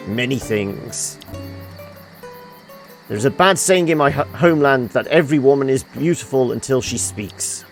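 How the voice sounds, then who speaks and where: A man reading game dialogue aloud as an earnest, courtly admirer who flatters with old sayings. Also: mid-range voice, a little slow. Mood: admiring. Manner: flattering, proverb-quoting. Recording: music behind the voice.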